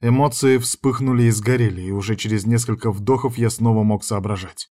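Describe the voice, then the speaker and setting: A man narrating a first-person audiobook in an even, measured voice. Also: on the low side.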